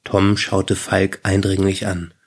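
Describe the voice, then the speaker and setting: Man reading a story, slow and steady, kind of raspy. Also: low-pitched. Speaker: narrator. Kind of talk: audiobook narration.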